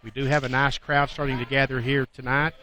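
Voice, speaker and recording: Fast-talking play-by-play man. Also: mid-range voice, flat delivery, very noisy. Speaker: play-by-play broadcaster. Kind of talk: sports commentary. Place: courtside in a gym.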